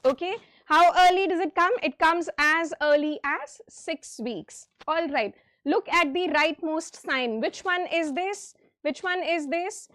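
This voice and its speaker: A woman's voice: very high voice, fairly bright tone, dry recording. A woman with a North Indian accent lecturing interactively, emphatic and often checking in with questions as she quizzes students for an exam. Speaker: medical lecturer leading exam revision session.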